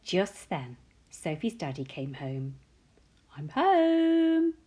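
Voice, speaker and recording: Reading a picture book to young kids, a low-pitched woman stays expressive and frequently asks her small audience questions.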